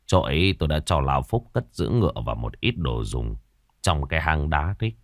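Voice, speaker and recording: A man voicing a worried middle-aged mandarin father who speaks low, hushed and measured. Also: big pitch swings, no room sound, studio quality, exaggerated voice. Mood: grave hushed.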